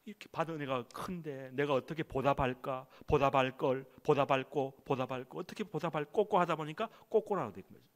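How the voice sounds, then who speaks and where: A man's voice: on the high side, a little fast, hardly any pauses, lightly acted. A pastor acting out a grateful man in heaven, marveling at its beauty and wondering aloud how to repay grace. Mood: awed wonder.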